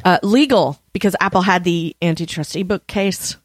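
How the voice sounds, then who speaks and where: A woman's voice: fairly low pitch, moderate pace, no room sound. Chatty woman hosting, dry sound. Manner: chatty, filler-heavy. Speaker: podcast host. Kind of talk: casual chat.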